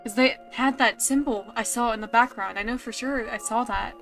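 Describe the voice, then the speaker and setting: A woman's voice: on the high side, moderate pace, fairly bright tone, faint music behind. Chatty woman narrating a game. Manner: chatty and reactive, reads narration aloud. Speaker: let's play host. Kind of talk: casual game commentary and reading aloud.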